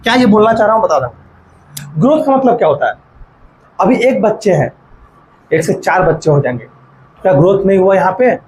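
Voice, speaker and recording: A man's voice: high-pitched, lively intonation, a little mellow, a little hiss or hum, rough recording. A man teaching biology in a classroom-style lecture, asking rhetorical questions and checking that students follow. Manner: mixes in English terms while dictating notes slowly.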